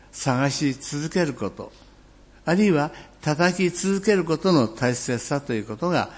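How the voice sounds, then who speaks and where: With a mid-range voice, a pastor reflects aloud through his sermon, keeping a measured pace. Now and then he clears his throat, and he eases off the speed whenever he reaches a key phrase.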